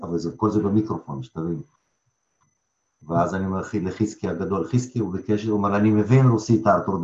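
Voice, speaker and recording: Low-voiced man in an echoey room. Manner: animated storytelling, repeats phrases for emphasis. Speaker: theatre director being interviewed. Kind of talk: conversational interview. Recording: echoey room, slightly dull sound.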